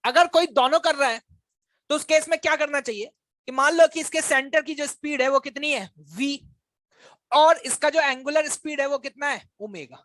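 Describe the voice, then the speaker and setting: A male physics teacher giving a classroom lecture, constantly quizzing his students with quick questions and teasing them to check they follow. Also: very high voice, fairly bright tone, no room sound. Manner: coaxing, teasing.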